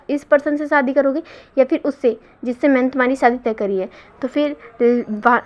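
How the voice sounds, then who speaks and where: High-voiced woman narrating a love story. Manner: unscripted retelling with frequent restarts and fillers. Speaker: fan fiction narrator. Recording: dull lo-fi recording.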